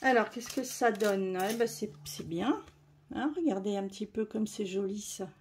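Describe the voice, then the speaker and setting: A woman's voice: medium pitch, moderate pace, slight background noise. A woman demonstrating a crafting tutorial, chatty and explaining as she works. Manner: chatty, explaining while working.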